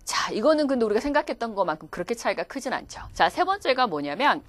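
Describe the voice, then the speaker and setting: A woman's voice: a little high, fast, no echo. Woman teacher doing a pronunciation lecture, voice going up and down a lot, acts out the words. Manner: animated, demonstrates English words aloud. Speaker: English pronunciation instructor. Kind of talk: video lecture.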